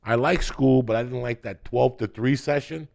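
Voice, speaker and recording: A man's voice: mid-range voice, normal speed, vocal fry, a little mellow. A middle-aged man, telling wild stories in casual, profane podcast chat, often breaking into laughter. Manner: profane, rambling, laughing storyteller.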